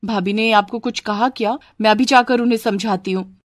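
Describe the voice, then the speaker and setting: A woman's voice: fairly high pitch, steady tone, normal speed, no room sound, studio quality, lightly acted. A woman voicing an eager, meddling young sister-in-law who takes her mother's side. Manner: eager, tattling. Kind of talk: Hindi storybook voice acting.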